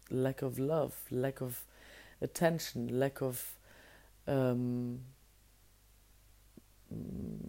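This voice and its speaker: A woman podcaster with a naturally deep voice, hoarse and strained from singing, delivers a casual solo monologue. Her tone is gravelly and dark as she muses reflectively, searching for words and restarting.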